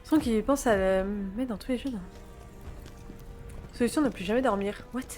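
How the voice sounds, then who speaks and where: A young woman streaming a game, chatting to her chat and reading game dialogue aloud, excitable and quick to laugh. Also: mid-range voice, faint music behind. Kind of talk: gameplay let's play commentary.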